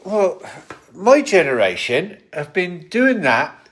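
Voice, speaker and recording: A man's voice: high-pitched, sing-song, slow pace. An older man, rambling casually to the camera as a vanlife vlogger and talking to his dogs. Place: in and around a van.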